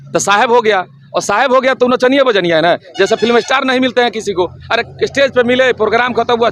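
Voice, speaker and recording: A man speaks in a notably high voice during a heated campaign interview. He is forceful and rhetorical, circling back to the same slogans with rising insistence. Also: slight background noise. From Siwan district, Bihar, India. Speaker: local election candidate.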